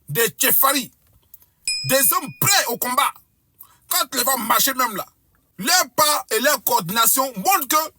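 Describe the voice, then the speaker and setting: A woman's voice: fairly high pitch, bright, forceful tone, breathy edge, no echo, studio quality. A woman giving fervent, boastful commentary to viewers, piling up exaggerated claims. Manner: emphatic, boastful, hyperbolic.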